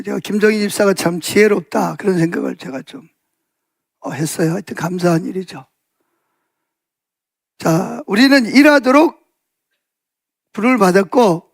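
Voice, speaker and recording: A male pastor from South Korea delivers a Sunday afternoon sermon in a conversational, storytelling way, packed with fillers and asides, lifting his pitch to act out quoted speech. His voice has vocal fry, captured in a dry, studio-quality recording.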